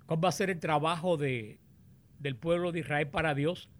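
A man teaching on the Bible, explaining and reading scripture aloud in a deliberate, explanatory way. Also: a little high.

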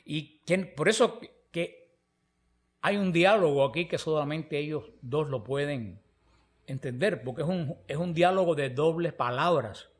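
Unhurried and slightly high, this man's voice carries a conversational Bible teaching. As a preacher, he brings stories to life and performs the characters' lines himself.

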